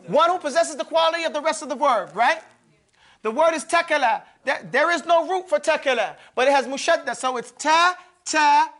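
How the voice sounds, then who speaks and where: A man with a high-pitched voice leads a grammar class in a mosque. He keeps firing questions at his students and repeats each term so they drill it along with him. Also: bright, forceful tone. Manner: quizzes students, repeats terms and drills them. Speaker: Arabic grammar teacher.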